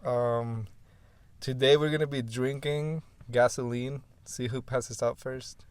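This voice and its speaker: A man co-hosting a podcast, teasing the others with deadpan, provocative questions. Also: mid-range voice, slow, clean tone. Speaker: podcast co-host. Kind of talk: casual crude banter.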